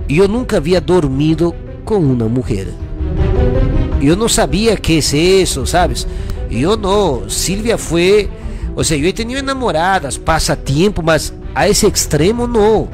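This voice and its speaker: High-voiced man telling a personal story. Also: lively intonation, a little slow, music in the background. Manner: repetitive, restarts, keeps asking "you know?". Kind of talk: casual first-person storytelling.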